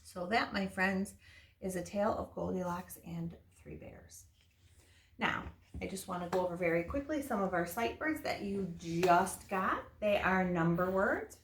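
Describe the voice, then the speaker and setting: A woman with a fairly low voice talks a little slowly while teaching young children informally, explaining things simply in casual words. It's a relaxed lesson and story time in an indoor room. The recording carries room echo and faint noise.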